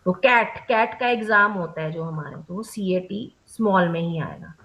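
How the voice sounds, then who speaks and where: A woman's voice: lowish voice, big pitch swings, normal speed, a bit bright. A young adult woman leading a training session, explaining rules step by step, mixing English terms into her Hindi and checking often that the trainees follow.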